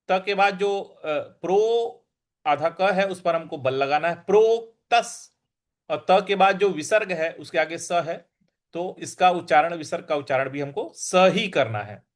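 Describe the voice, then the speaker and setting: A man teaching the recitation of Sanskrit verses, repeating each syllable slowly, stressing sounds and chanting lines in a sung tone. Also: high voice. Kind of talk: verse-by-verse pronunciation lesson.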